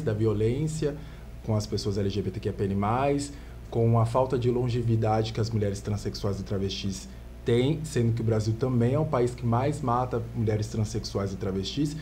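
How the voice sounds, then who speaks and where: A man from Santos with a Brazilian Portuguese accent, a lawyer explaining his field in calm, measured terms as a podcast guest. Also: fairly low pitch, a little hiss or hum. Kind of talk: podcast interview. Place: podcast studio.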